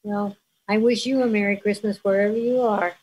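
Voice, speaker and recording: A woman's voice: medium pitch, fairly even intonation, normal speed, rough recording. An older woman, a guest in an interview, telling stories about her past with frequent laughter. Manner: warm storyteller, laughs often. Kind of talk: reminiscing conversation.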